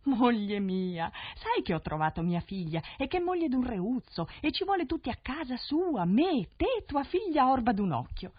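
A woman's voice: on the high side, sing-song, normal speed, few pauses, slightly rough, dry recording, voice pushed up. A woman voicing a simple, cheerful old peasant father who talks eagerly, in a dull 1970s radio recording.

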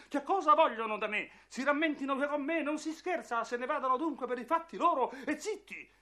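Wooden puppet boy, high voice, bright, theatrical, cheeky, radio drama. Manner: high, theatrical, swinging from boastful to panicked pleading. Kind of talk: classic radio-drama acting.

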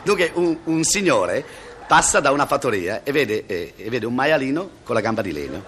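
Man telling jokes, lively pitch. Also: normal speed, a little hiss or hum. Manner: laughs at own jokes, stumbles and restarts; acts out characters with sudden high and low voices. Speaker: joke teller. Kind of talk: live comic joke telling.

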